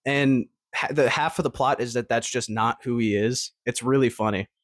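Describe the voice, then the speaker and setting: Young man in his twenties, casual rambling storyteller, mid-pitched, dry close recording. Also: steady tone, moderate pace, no echo. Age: 20s. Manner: rambling, upbeat, lots of fillers and self-corrections. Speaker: vlogger.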